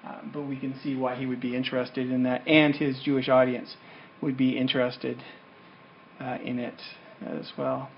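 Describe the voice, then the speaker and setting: A man's voice: mid-range voice, level tone, moderate pace, vocal fry, a little hiss or hum. A man, giving an informal, conversational Bible lecture and explaining as he goes. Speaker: Bible teacher. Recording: echoey room, dull lo-fi sound.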